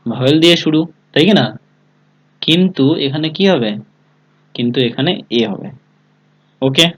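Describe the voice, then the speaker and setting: A man with a voice on the high side teaches a live online English class, and the audio quality is poor. He spells words letter by letter, often checks whether his students are following, and calls on them by name.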